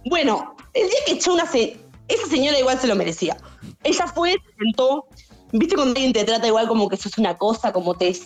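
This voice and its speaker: Young woman doing stand-up style storytelling, chatty and animated, soft music under it. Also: fairly quick. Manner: animated, acts out customers in high shouted voices. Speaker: guest storyteller, stand-up comic. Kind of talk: casual podcast chat, comic storytelling.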